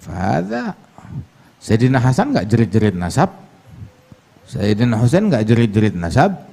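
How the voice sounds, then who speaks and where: A man preaching a sermon. He talks emphatically, leaps up in pitch to mock, and slows right down to recite Arabic sayings. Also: wildly swooping pitch, gravelly, mellow. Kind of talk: religious sermon.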